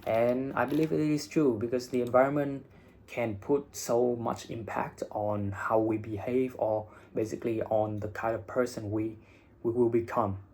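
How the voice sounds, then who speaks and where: This young Vietnamese man, whose first language is Vietnamese, is an IELTS teacher and vlogger giving casual advice in a monologue. His mellow, medium-pitched voice stays steady at a moderate pace, and he's blunt, swearing casually.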